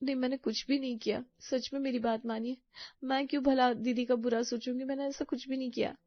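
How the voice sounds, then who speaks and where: A woman voicing a gentle, patient young daughter-in-law in a cartoon story, polite and pleading. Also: medium pitch, fairly quick, dry recording, natural voice. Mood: hurt. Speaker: voice actor. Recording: dry, slightly dull audio.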